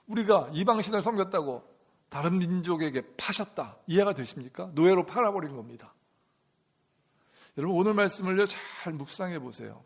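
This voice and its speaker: A man's voice: high voice, fairly bright tone. A middle-aged man preaching a sermon in a church, asking the congregation questions and repeating key words in a rhythm. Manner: call-and-response questions to the congregation; rhythmic repetition for emphasis. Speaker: pastor. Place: church sanctuary.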